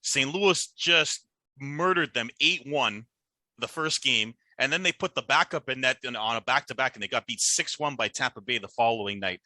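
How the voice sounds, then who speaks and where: A man hosting a casual sports picks podcast, talking in an animated way with a lot of teasing trash talk. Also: mid-range voice, normal speed, no echo. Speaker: podcast host.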